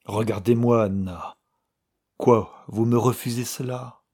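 A man reading the part of a lovelorn young man, earnest and commanding, in a husky, slow voice. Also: medium pitch, steady tone, warm tone. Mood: pleading.

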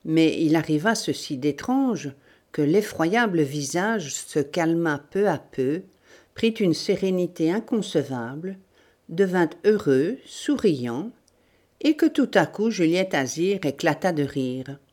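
A woman narrating a novel as an audiobook, in a measured, deliberate reading. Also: sits low, expressive, a little mellow. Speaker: audiobook reader.

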